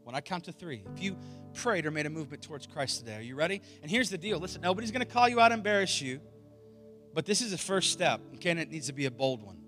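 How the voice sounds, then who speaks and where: A man's voice: a little high, expressive, fast talker, fairly bright tone. A man speaking as a pastor in an evangelical altar call, informal and coaxing, with short repeated urgings. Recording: music playing under the voice. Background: instrumental music.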